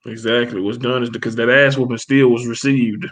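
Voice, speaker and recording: A man co-hosting a casual boxing chat, profane and animated, acting out quotes as he tells stories. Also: medium pitch, fairly quick. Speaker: podcast co-host.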